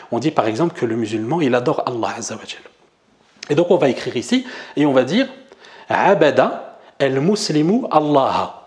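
Guy teaching a lesson step by step, mid-pitched voice, keeps checking everyone's following. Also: a little mellow. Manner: explains step by step, often asks "d'accord?". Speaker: Arabic teacher. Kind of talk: whiteboard lesson explaining grammar.

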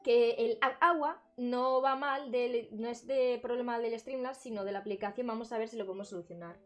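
A woman's voice: fairly high pitch, fairly even intonation, normal speed, faint music behind. Bubbly Spanish woman streamer, chatty. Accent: Spain Spanish. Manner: bubbly and chatty, laughs often, bursts into loud exclamations. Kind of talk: casual live-stream chat with viewers. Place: bedroom at her grandmother's home.

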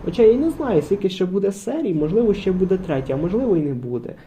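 A man's voice: high-pitched, very animated, fast, mellow, a little hiss or hum. A man hosting a truck game playthrough, rambling in casual commentary with many fillers. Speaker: gaming channel host. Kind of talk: casual let's-play commentary.

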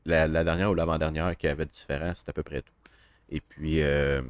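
A Québécois man reviews a horror game as a streamer, his voice extremely deep and low. He talks in a casual, halting way, pausing often on fillers. The recording is close and dry, with no room sound. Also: no echo. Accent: Québécois French. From Quebec. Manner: thoughtful, halting, many fillers.

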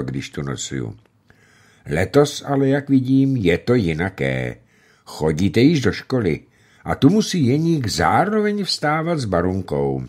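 A man voicing a hearty middle-aged gamekeeper who talks in a booming, jovial way. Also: darkish tone.

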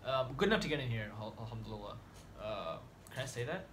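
Over background noise, a lively, fast-talking man with a medium-pitched voice chats away. He's a US medical student guest in his twenties, relaxed and a bit slangy, laughing readily in a cramped dorm room during a casual conversation.

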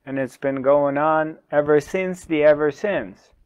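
Slow, smooth-voiced man teaching spirituality. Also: on the high side, darkish tone, no echo, lo-fi sound. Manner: slow, measured, with long pauses and repeated questions. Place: small dark studio, indoors. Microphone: lapel mic.

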